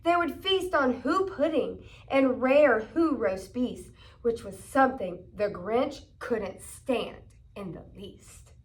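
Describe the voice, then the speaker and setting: A woman's voice: fairly high pitch, animated, takes it slowly, poor audio. A woman reading a children's story aloud expressively, leaning dramatically on repeated words. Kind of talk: expressive children's picture-book read-aloud.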